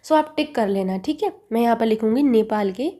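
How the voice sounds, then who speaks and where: Mellow-voiced woman teaching an exam lesson. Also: on the high side, animated, fairly quick. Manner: asks quiz questions and repeats the answers.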